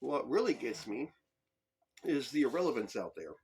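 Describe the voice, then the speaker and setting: A man's voice: medium pitch, very animated, normal speed, a little mellow, husky. A man hosting a podcast, delivering a heated, profane political commentary monologue. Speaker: podcast host.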